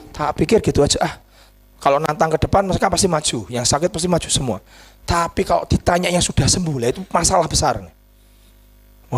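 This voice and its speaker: A man pastor preaching a sermon, telling stories and swinging between low asides and shouted peaks. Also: husky.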